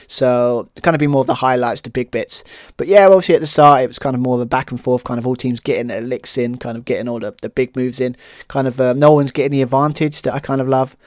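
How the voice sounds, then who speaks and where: A man hosting his podcast solo, talking through a review in a loose, rambling way, with constant "kind of" and "um". He sounds keen. His voice sits at a middle pitch, and the recording is dry and close, with no room sound. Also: fairly even intonation, fast, darkish tone, clear, resonant tone, no echo. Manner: rambling, heavy use of "kind of" and "um"; enthusiastic. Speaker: podcast host.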